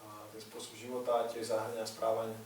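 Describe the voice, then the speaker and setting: A man interpreting a lecture live for an audience in a large hall, quick and matter-of-fact. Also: on the low side, monotone, a little mellow, a little hiss or hum. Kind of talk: live consecutive translation. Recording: echoey hall from far off.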